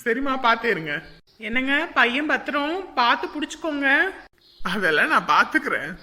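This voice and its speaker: Woman playing a brisk young mother. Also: fairly high pitch, very animated, sharp tone, long reverb tail, a little hiss or hum. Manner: scolding, bustling, teasing a crying child. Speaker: daughter-in-law in a family drama. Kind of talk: family drama acting.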